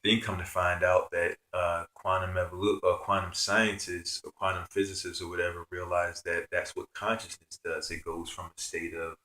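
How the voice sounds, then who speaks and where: A man's voice: low voice, little pitch movement, moderate pace, few pauses, bright, forceful tone, reverberant. A man telling a personal spiritual story in an earnest, rambling way, with many fillers. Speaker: spiritual vlogger.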